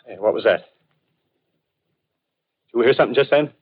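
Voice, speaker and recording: An actor playing a suspicious, bitter militiaman survivor with a rough, colloquial, agitated American delivery in 1930s radio drama style. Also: mid-range voice, moderate pace, close to an everyday voice. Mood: furtive, uneasy. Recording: tinny, band-limited 1930s radio broadcast.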